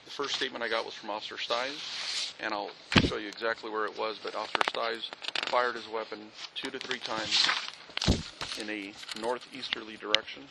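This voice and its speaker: A man's voice: lowish voice, vocal fry, heavy background noise. A man, a police officer, giving a methodical, factual incident briefing outdoors at a street scene, with frequent fillers.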